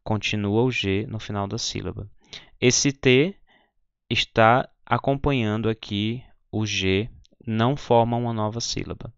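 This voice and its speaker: Man, German pronunciation lesson, smooth voice, dry muffled recording. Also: fairly low pitch, fairly even intonation, no echo. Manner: patient, repeats example words slowly with frequent "né?" and "ok?". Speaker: German teacher.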